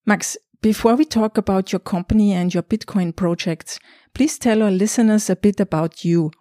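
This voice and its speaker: A woman hosting a podcast, speaking clearly and welcoming listeners before interviewing a guest. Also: medium pitch, moderate pace, dark tone, dry recording, clean studio sound. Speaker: podcast host. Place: Vienna.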